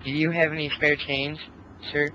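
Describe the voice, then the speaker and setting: A man's voice: fairly high pitch, little pitch movement, normal speed, lightly acted. A man playing a begging street beggar who asks passersby for spare change in an amateur film. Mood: pleading. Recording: muffled lo-fi, clear outdoor street noise.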